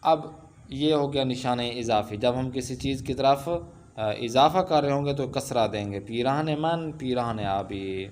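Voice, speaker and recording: A man teaching Persian in an online lesson. He reads Persian sentences aloud and then explains them slowly, with many filler sounds. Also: mid-range voice, a little mellow, a little hiss or hum.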